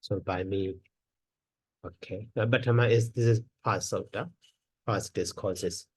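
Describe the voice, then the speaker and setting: A man teaching Pali grammar in a slow lesson, counting syllables aloud one at a time with many pauses and fillers. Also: fairly low pitch, steady tone, slightly rough, no room sound.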